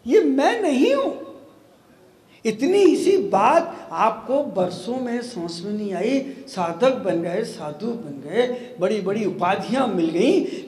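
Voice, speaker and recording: High-pitched man preaching slow, teasing and rhetorical, big echoey hall. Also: a little mellow. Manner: challenging, teasing, rhetorical, mixes in English phrases. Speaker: Jain monk preacher. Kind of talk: sermon. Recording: echoey hall with long reverb.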